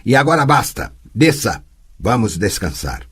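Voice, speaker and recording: A man's voice: mid-range voice, sing-song, unhurried, a bit bright, slightly rough, heavily acted. A man doing a mocking sword trainer. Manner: blunt, mocking. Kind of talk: audiobook character voice.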